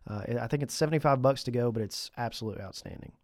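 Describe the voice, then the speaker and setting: A man's voice: mid-range voice, racing, no room sound, clean studio sound. A man with a stuffy nose hosting a podcast on his own, chatting casually and conversationally with lightly joking asides. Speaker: podcast host. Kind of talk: casual solo podcast talk.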